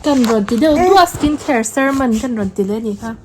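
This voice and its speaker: A woman's voice: sits high, normal speed, a little mellow, slight background noise. A young adult woman vlogger, talking casually and chattily as she explains things to her viewers. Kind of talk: casual vlog chat.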